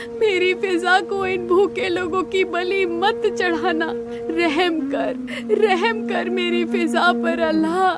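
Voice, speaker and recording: A woman's voice: very high voice, pitched above the performer's own voice. A woman voicing a stubborn, loving old grandmother who keeps goats, scolding and pleading. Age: older. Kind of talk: cartoon voice acting.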